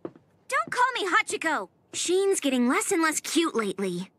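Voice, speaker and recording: A woman voicing a naive, excitable girlish young woman, bubbly and exclaiming in an overacted English anime dub. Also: extremely high pitch, unhurried, a little hiss or hum, heavily acted. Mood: excited, pouty.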